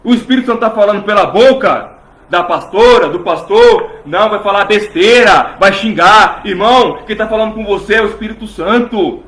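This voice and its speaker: A man preaching with fervor, his voice sitting high for a man. He fires rhetorical questions at the congregation and slips into the voices of imagined churchgoers. The sound rings around an echoey church room. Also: moderate pace, a bit bright. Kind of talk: sermon.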